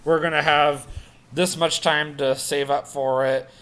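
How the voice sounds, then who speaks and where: A man's voice: a little high, little pitch movement, unhurried, fairly bright tone, clean tone. A man in his late twenties rambling through a casual personal vlog update, full of fillers and self-corrections. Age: 20s. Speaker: vlogger.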